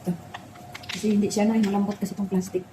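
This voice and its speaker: A middle-aged cooking vlogger chats with viewers as she cooks, telling stories from her past and laughing and tearing up along the way. Her mid-range voice has little pitch movement and races along, with background noise in the recording. It's casual cooking chat mixed with personal storytelling.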